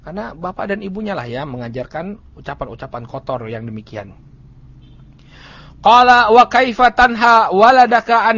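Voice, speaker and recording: High-voiced man teaching on lo-fi audio. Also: bright, forceful tone. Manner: chants Arabic text, then explains it, with frequent "ya" asides. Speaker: Islamic teacher. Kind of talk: religious study lecture. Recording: dull lo-fi audio.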